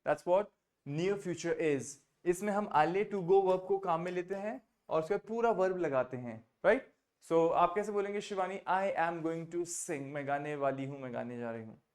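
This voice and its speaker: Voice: medium pitch, a little mellow. A French teacher with an Indian English accent leading an online class over a video call, mixing English, Hindi and French and repeating phrases patiently. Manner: patient, drills phrases by repeating them slowly.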